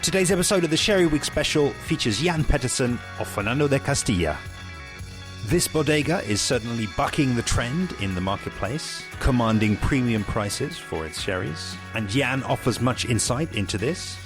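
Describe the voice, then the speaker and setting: Podcast host guy reading the intro off a script, smooth, soft music under it. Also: medium pitch, animated, moderate pace.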